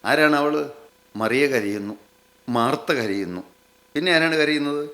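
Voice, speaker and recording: A man preaching a sermon, repeating phrases emphatically, slowing down on key lines and putting questions straight to his listeners. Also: on the high side, expressive, a bit bright. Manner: repetitive, emphatic phrasing with slowed, drawn-out lines; addresses listeners directly with questions.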